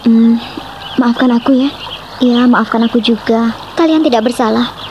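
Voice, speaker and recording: A woman's voice: on the high side, normal speed, a little mellow, lo-fi sound, a little hiss or hum, lightly acted. An actress playing young village girls who plead with and tease a sulking friend in a radio drama. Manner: pleading and teasing. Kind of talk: Indonesian radio drama acting.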